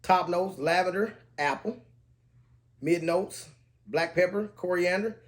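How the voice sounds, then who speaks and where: This man has a high voice and a slow pace as he casually reviews cheap fragrances on camera. He lists the scent notes in an even, relaxed rhythm.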